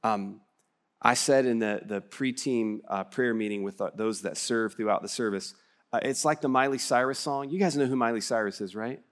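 West Texas pastor with a twang. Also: male voice, mid-range voice, normal speed. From West Texas, United States. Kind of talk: conversational sermon.

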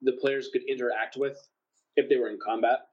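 A man's voice: medium pitch, fairly even intonation, a little fast, a little mellow, muffled recording. A man chatting casually with friends as a regular on a gaming podcast. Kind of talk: casual chat.

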